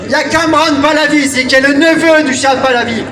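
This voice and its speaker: A man of Iranian origin shouting a rousing speech to the crowd at an outdoor rally. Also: very high voice, fast talker, reverberant. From Iran. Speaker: rally speaker. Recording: distant, loud crowd and noise.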